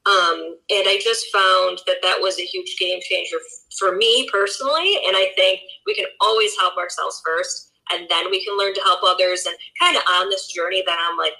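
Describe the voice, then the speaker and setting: A woman's voice: medium pitch, pushed and bright, rough recording. A woman in her twenties, a health coach guest on a podcast, chatting casually and upbeat with frequent fillers. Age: 20s.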